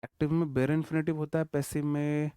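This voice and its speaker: A man's voice: on the high side, flat delivery, brisk, warm tone, clear, resonant tone, no echo, studio quality. A man giving an online English grammar lesson, dictating example sentences word by word and checking in often with the class. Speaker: English teacher.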